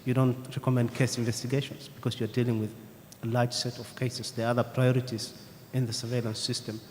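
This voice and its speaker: Measured man answering in a reverberant hall. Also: medium pitch, flat delivery, darkish tone. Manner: measured, thoughtful, with frequent "um". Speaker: panelist. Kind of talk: answering audience questions. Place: conference hall. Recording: reverberant conference hall, faint room noise.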